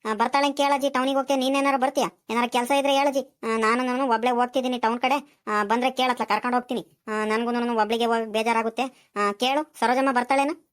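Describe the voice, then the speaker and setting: A woman's voice: a little high, steady tone, natural voice. A woman voicing an eager village neighbor in a cartoon, with a persistent, pleading manner. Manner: persistent, pleading, many drawn-out fillers. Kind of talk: cartoon voice acting.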